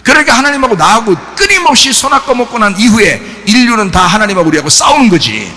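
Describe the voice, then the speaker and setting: Male pastor, sermon, high voice, forceful, rhetorical questions, sudden shouts. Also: fast, in a large hall. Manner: animated, rhetorical questions to the congregation, bursts of shouting. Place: church sanctuary.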